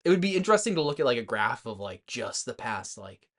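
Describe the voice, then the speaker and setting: A man in his twenties co-hosts a movie podcast, chatting casually and a little tentatively about films while drinking alcohol. He talks fast in a medium-pitched, sing-song voice that's a bit bright.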